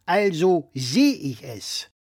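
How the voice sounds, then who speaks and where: A loud, lecturing old-fashioned father with a raised, lively voice, put on by a male storyteller. He holds forth emphatically and keeps his opinions fixed. The reading is close and dry, with no room sound. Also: a little high, slow pace, gravelly, husky, dry recording, full character voice. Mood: blustering.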